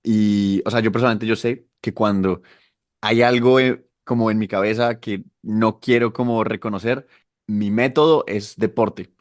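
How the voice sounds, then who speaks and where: A man's voice: lowish voice, fairly even intonation, unhurried, no room sound, clean studio sound. A young man co-hosting a podcast, thinking aloud in a reflective, hesitant way. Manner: reflective, hesitant, many fillers. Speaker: podcast co-host. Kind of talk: casual conversational talk.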